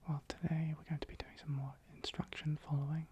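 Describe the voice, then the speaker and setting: Someone in a whispered role-play as a calm, attentive clinic assessor, giving instructions softly and breathily and gently repeating phrases. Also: mid-range voice, fast, noisy background. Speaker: ASMR performer.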